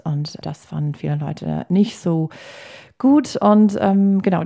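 An American woman who speaks German as a learned language, talking about her work as an election observer in a casual, halting way with many fillers. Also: low-pitched, gravelly, mellow. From United States. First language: English. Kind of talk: casual conversation. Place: Hamburg.

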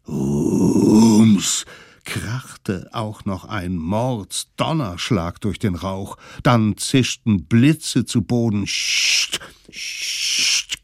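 A man narrating a children's radio story in a lively, expressive way. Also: lowish voice, gravelly, no echo, studio quality.

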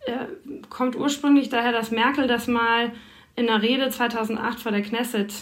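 A woman correspondent answers interview questions in detail. Her voice sits somewhat high, and she talks her way through explanations thoughtfully, with plenty of filler sounds between points. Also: fairly even intonation, moderate pace. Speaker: foreign correspondent.

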